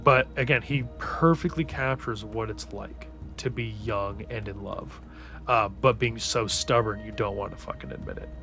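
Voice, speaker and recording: A young man casually recapping a fantasy book in an animated, profane and slangy way. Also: lowish voice, normal speed, creaky. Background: faint background music.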